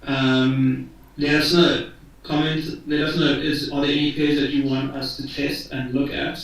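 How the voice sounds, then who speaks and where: Male co-host, upbeat, talks to chat; somewhat higher voice, very echoey distant mic. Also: level tone, measured pace. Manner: upbeat, reads viewer comments. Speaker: trading co-host. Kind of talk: live stream chat with viewers.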